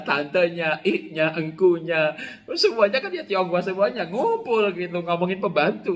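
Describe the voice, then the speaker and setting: Animated Indonesian pastor preaching. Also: male voice, fairly high pitch. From Java, Indonesia. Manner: storytelling with laughs and animated quoted shouts. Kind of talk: sermon.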